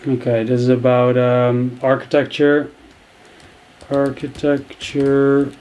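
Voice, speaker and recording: A man's voice: mid-range voice, completely flat delivery, slow, darkish tone, a little hiss or hum. A man in his thirties talking through a video edit, thinking aloud with many fillers and restarts. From Netherlands. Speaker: video editing tutor. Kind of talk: screen-recorded tutorial narration.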